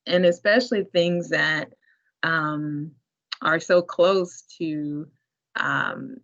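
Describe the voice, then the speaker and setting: A woman's voice: sits low, fairly even intonation, very slow, fairly bright tone. A woman hosting a library talk, speaking with admiring enthusiasm. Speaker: program host. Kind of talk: casual discussion on a video call. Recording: muffled lo-fi call audio.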